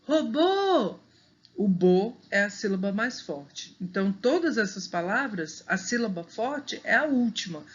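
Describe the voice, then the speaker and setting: A woman's voice: expressive, highs cut off. A woman teacher giving a recorded lesson to young children, patiently stretching out example words and checking in with frequent little questions. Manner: stretches out example words slowly and pitches them up for emphasis. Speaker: primary school teacher.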